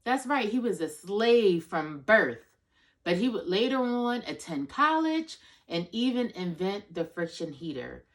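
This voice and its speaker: Talking directly to the children tuning in, a woman in her thirties introduces her storytime in a casual, friendly way. Her mid-range voice swings widely in pitch while she keeps a measured pace.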